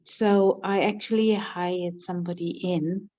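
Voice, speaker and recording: A woman from Zimbabwe on a video call, sharing heartfelt thanks with hesitant pauses. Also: lowish voice, steady tone, lo-fi sound. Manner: warm, heartfelt, hesitant fillers. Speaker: call participant.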